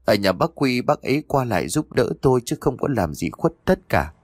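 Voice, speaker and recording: A man's voice: medium pitch, sing-song, moderate pace, dry recording. A man voicing a frightened young wife who pleads tearfully with her husband. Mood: pleading.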